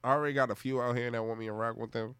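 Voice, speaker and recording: A man's voice: mid-range voice, steady tone, racing, a bit bright, clear, resonant tone, no room sound. A man who works as a DJ, a guest in a casual interview, talking easygoing street slang.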